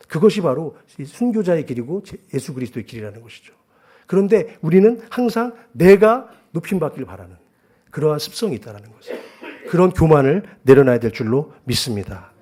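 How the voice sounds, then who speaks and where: A man preaching a sermon at a church service, telling personal stories in an earnest way, rising to loud emphasis and dropping to hushed asides. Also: mid-range voice, breathy edge. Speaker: guest pastor.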